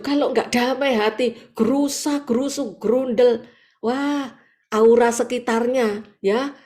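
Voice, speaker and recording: A woman with an East Javanese accent preaching a sermon over a video call, lively, acting out quoted voices and laughing often. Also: mid-range voice. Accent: East Javanese Indonesian. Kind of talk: sermon at an online morning prayer meeting. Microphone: video call audio.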